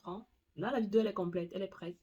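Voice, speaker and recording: A woman hosting a casual screen-recording tutorial, talking straight to the viewer and reading English screen text haltingly. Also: medium pitch, steady tone, mellow, breathy edge, highs cut off. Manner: chatty, talks straight to the viewer. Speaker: tutorial host.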